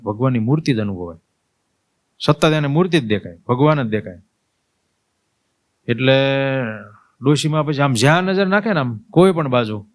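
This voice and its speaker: A swami giving a religious discourse tells a devotional story in a lively way, speaking in a mid-range voice. He acts out the old woman's cries and dialogue, and he turns to his listeners with rhetorical questions such as "understood?".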